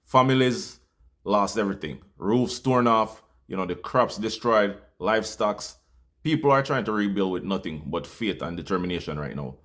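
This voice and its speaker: Jamaican guy, lowish voice, talking from the heart to his viewers. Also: expressive, normal speed, a bit bright. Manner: heartfelt, loose with fillers. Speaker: channel host. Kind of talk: earnest appeal to viewers.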